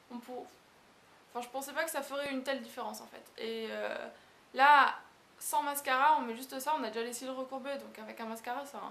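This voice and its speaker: A woman's voice: sits high, a bit bright. A woman casually reviewing makeup products in a chatty, rambling, hesitant way. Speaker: beauty vlogger. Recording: echoey room with hiss.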